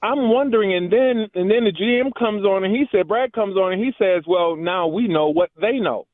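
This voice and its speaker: A man's voice: high-pitched, moderate pace, dry recording. A man calling into a talk-radio show, heard over a muffled phone line, earnestly building his point with restarts. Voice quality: muffled, as if underwater. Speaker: radio call-in caller.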